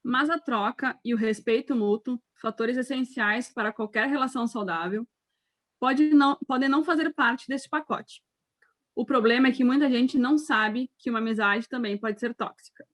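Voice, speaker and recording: A woman's voice: on the high side, moderate pace. A woman of thirty from Rio Grande do Sul, co-hosting a podcast with an upbeat delivery, chatting and reading scripted parts. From Rio Grande do Sul, Brazil. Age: 30s. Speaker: podcast co-host.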